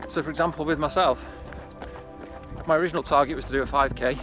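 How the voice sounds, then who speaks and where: A man's voice: fairly high pitch, steady tone, fast, music in the background. A man chatting casually to viewers as he runs outdoors, in a conversational, encouraging vlog style. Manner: conversational, talking while out on a run. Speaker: running vlogger. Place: outdoors on a hillside trail by reservoirs.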